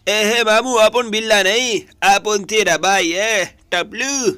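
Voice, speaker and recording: A man's voice: high-pitched, takes it slowly, bright, forceful tone, smooth, dry recording, studio quality, heavily acted. A man voicing a swaggering street tough who talks in Bombay street slang.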